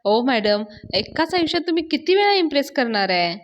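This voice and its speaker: A woman's voice: high voice, very animated, brisk, voice pushed up. A woman voicing a bashful young husband who jokes his way out of questions in a story recap.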